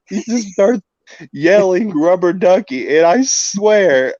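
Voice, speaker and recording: A man's voice: high-pitched, lively intonation, slow pace, darkish tone, dry recording. Young man telling stories, dull dry mic. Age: 20s. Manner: storytelling, laughs through anecdotes. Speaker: podcast host. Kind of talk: casual chat.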